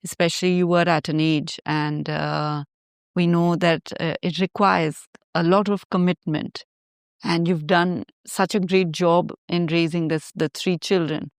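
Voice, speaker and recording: A woman's voice: on the low side, steady tone, measured pace, no room sound, studio quality. A woman with an Indian accent, hosting a conversational interview. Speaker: interview host.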